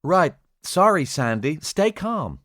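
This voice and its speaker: A woman's voice: low-pitched, very animated, takes it slowly, a bit bright, no echo, clean studio sound, voice pushed up, full character voice. A man voicing an anxious young female spaceship commander who speaks in urgent, clipped phrases in an audiobook. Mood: placating. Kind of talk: audiobook character voice.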